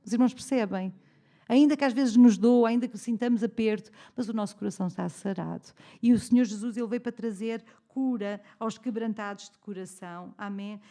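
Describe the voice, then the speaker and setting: A woman's voice: on the high side, warm tone. European Portuguese woman preaching, conversational. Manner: conversational, calls for "amen" responses. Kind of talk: sermon. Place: church.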